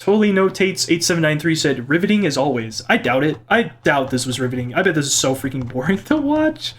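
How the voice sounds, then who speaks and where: A young man with a slightly high voice chats into a desk microphone at home, reading out viewer comments. He rambles playfully and is easily amused, drifting from one remark to the next. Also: very animated, a little fast. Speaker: gaming vlogger reading comments. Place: home room by a computer. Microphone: desk microphone at a computer.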